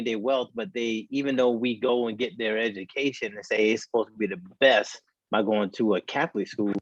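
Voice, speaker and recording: A man's voice: mid-range voice, no echo. A man co-hosting a casual talk show, his voice muffled as if heard through a wall, talking in earnest, heated bursts. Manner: earnest and heated, speaks in short restarting bursts. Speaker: podcast co-host. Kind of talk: casual opinionated chat. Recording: dull muffled remote call audio.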